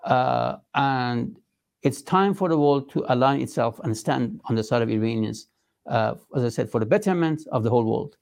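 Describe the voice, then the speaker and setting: A man with a Persian accent giving an interview as a political spokesman, speaking emphatically and formally, with halting phrasing. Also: medium pitch, creaky, a little mellow. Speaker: resistance movement spokesman being interviewed.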